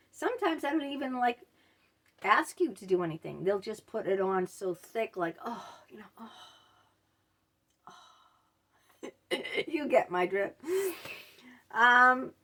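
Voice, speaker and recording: A middle-aged woman hosting a casual advice vlog, telling stories in a blunt, animated, indignant way. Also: on the high side. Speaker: channel host.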